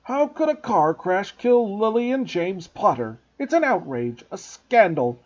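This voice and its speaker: A man voicing a huge, rough-spoken, kindly giant with a loud, gruff, folksy way of talking. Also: fairly high pitch, expressive, moderate pace, pitched above the performer's own voice. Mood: outraged. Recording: dull lo-fi recording.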